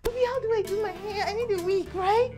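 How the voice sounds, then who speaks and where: An actress playing a gushing, excitable young woman with a Nigerian English accent who pleads and squeals over a celebrity she adores. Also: very high-pitched, fast talker, a little hiss or hum. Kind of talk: film drama.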